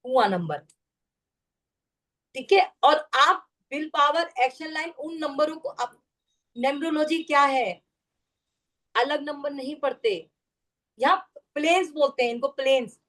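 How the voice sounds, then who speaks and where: Lady with a high voice teaching numerology on a video call, keeps asking if u got it. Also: measured pace, long pauses, fairly bright tone. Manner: explanatory, keeps checking understanding with questions. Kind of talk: online class lecture.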